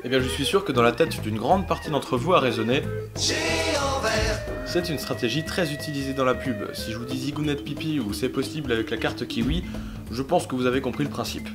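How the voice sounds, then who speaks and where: A man's voice: medium pitch, quick pace. A man co-hosting a comedy web show, presenting casually in colloquial, joking talk. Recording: music clearly behind.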